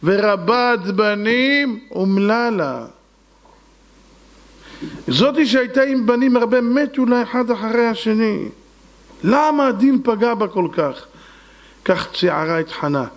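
A rabbi giving a sermon, telling stories and acting out the dialogue dramatically while addressing the congregation. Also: male voice, high-pitched. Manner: acts out dialogue in a lively, dramatic voice; addresses the audience directly. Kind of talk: storytelling sermon.

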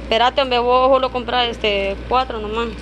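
A woman's voice: a little high, fairly even intonation, normal speed, background noise. A woman, chatting playfully in a casual vlog as she shops, often calling out names. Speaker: vlogger. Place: large indoor variety store.

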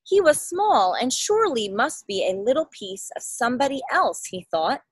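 A mother of about thirty sits outdoors in a backyard reading a picture book aloud, expressive and stopping to explain things and ask a child easy questions. Her voice is high, sing-song and slightly rough, moving at a moderate pace. Recorded on a phone or laptop at arm's length, it carries no room sound.

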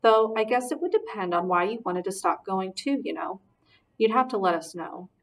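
Woman reading as a gentle, reassuring father. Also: mid-range voice, lively intonation, normal speed, natural voice. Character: gentle loving middle-aged father. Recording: voice distant from mic.

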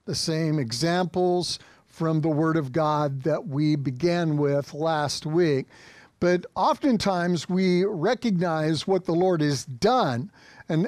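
A slightly high, slightly mellow voice belongs to an American pastor in his fifties giving a sermon to an online congregation. He exhorts with emphatic repetition from a small indoor church studio set, and there's no room sound.

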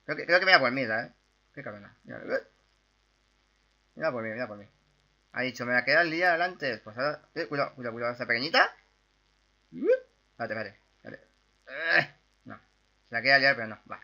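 A young man from Spain with a Spanish accent, chatting his way through a video game with excitable outbursts and repeated words. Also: medium pitch, quick pace, pauses often. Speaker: gaming YouTuber. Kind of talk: casual gameplay commentary.

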